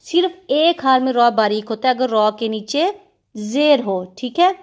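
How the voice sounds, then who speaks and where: High-voiced woman teaching recitation. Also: animated. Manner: patient, explains step by step, repeats "theek hai"; slows and stretches words when demonstrating sounds. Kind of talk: explaining recitation rules in a lesson.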